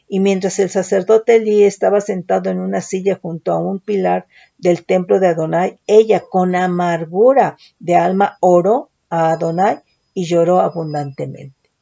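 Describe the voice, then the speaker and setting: A woman's voice: mid-range voice, vocal fry, warm tone, highs cut off. A woman teaching a Bible study, reading verses aloud and explaining them, often checking in with her listeners.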